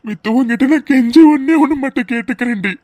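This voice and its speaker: A woman's voice: fairly high pitch, quick pace, darkish tone, no echo, close to an everyday voice. A woman voicing a loving, protective young husband in a cartoon drama, pleading and emotional. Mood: tearful tender. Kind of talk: tearful cartoon drama voice acting.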